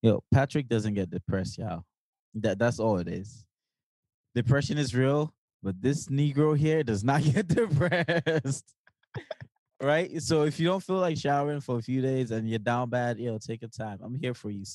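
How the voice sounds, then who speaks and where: A young man from New York co-hosting a podcast in animated, jokey casual chat with lots of slang. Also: medium pitch, moderate pace, no echo. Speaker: podcast co-host.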